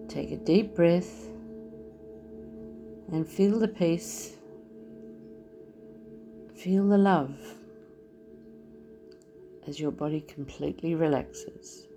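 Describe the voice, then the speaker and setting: A woman with a low voice guides a meditation at a very unhurried pace, letting each phrase settle before the next. Her delivery stays soft and soothing throughout. Gentle music plays clearly beneath her words.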